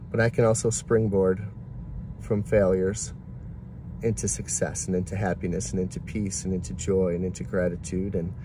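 A man's voice: lowish voice, mellow, a little hiss or hum. Man in his forties vlogging from car. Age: 40s. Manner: candid, self-reflective, rambling. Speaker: delivery driver vlogger. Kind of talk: casual reflective vlog talk. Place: inside a parked car. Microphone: phone camera at arm's length.

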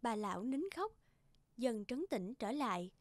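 Higher-voiced woman narrating a fairy tale. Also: sing-song, unhurried, no echo. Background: loud background music.

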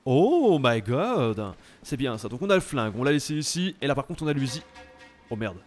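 A young French man giving casual, animated commentary while playing a video game, exclaiming at the action. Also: mid-range voice, fast talker, soft background music. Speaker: let's play host.

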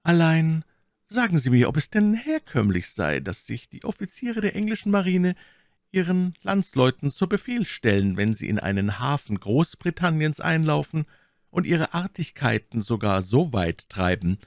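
A man voicing a proud, cunning noblewoman in a high, haughty falsetto, in a dry audiobook reading. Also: very animated, normal speed, no echo. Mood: haughty, probing. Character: proud, cunning noblewoman captive, imperious and suspicious.

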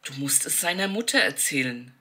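A woman's voice: very deep voice, animated, normal speed, bright, forceful tone, slightly rough, exaggerated voice. A woman voicing a brave, caring seventeen-year-old girl who speaks urgently and with indignation. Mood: concerned.

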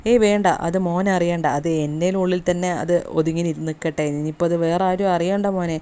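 A woman's voice: on the low side, fairly even intonation, brisk, mellow, clean tone, lightly acted. A woman reading the lines of a worried middle-aged mother in a serial recap, hesitant and guarded as she confides in her son. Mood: confiding.

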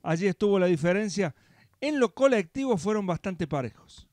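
A man giving measured, analytical comments alongside a live youth football broadcast. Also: sits high, animated, a little mellow, no room sound. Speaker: match analyst.

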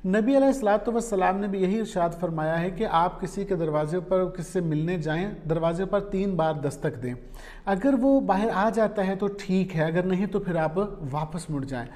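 Seated at a desk in a small, quiet indoor room, a vlogger, journalist and columnist in his forties with a Pakistani accent offers informal advice to the camera. His high, slightly mellow voice moves at a moderate pace, and his explanatory, conversational talk mixes in English words.

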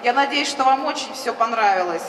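A middle-aged woman giving a nervous thank-you speech on stage in short, halting phrases. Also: on the high side, animated, a bit bright. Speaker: event organiser. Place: large exhibition hall stage. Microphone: handheld microphone through PA. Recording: echoey noisy hall PA from far off.

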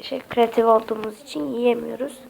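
A woman's voice: on the high side, fairly even intonation, fairly quick, gravelly, heavy background noise. A woman narrating a casual game tutorial with a slightly sick voice, chatty and hesitant, often addressing the viewers as friends. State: slightly sick voice with occasional coughs. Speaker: Minecraft tutorial YouTuber.

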